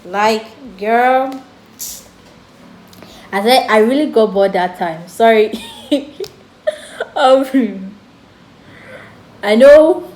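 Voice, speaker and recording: Slow-talking Ghanaian woman, echoey room. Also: on the high side, a little mellow. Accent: Ghanaian English. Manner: slow, chatty, jokes and laughs about serious things. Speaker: vlogger. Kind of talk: storytime vlog. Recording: echoey room with faint background noise.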